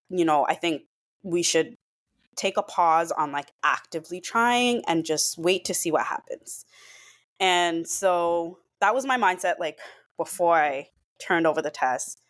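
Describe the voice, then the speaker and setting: A young woman as a podcast guest, telling a personal story in an earnest, emotional way, with lots of filler words. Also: low voice. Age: young adult.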